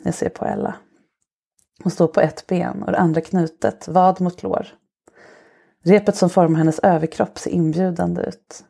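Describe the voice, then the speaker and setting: A woman podcast host reading an erotic short story aloud in a slow, soft, intimate way. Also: fairly low pitch, gravelly.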